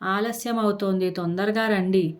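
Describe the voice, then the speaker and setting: A woman's voice: medium pitch, steady tone, moderate pace, lightly acted. A woman storyteller voicing a young stepmother who speaks curtly and briefly. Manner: curt, brusque.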